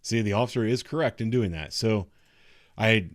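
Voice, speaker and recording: A man's voice: lowish voice, moderate pace, no room sound, studio quality. A man giving unscripted, instructive commentary on video footage in a matter-of-fact way. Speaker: commentator reviewing police footage.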